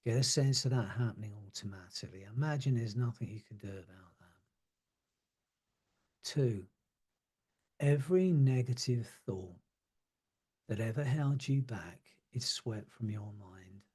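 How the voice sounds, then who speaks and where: A man leading a guided hypnosis relaxation, speaking slowly and soothingly and letting his words trail off softly. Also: medium pitch, lively intonation, husky. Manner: slow, soothing, drawn-out phrasing with soft trailing words.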